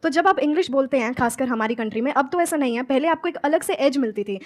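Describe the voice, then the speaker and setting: A woman's voice: high-pitched, expressive, fast. A young woman from Haryana, an English coach, earnestly answering audience questions on stage in mixed Hindi and English. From Haryana, India. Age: young adult. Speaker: guest speaker, English coach.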